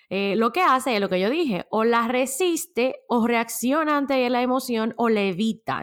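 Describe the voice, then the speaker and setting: A woman hosting a casual solo podcast, chatty and animated, laughing often as she talks. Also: fairly high pitch. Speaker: podcast host.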